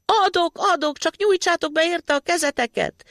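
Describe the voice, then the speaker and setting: A man voicing a tiny, mischievous boy in a storybook reading, shouting and teasing. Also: high voice, huge pitch swings, gravelly, husky, dry recording, studio quality, pitched above the performer's own voice, heavily acted. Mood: mocking shouts.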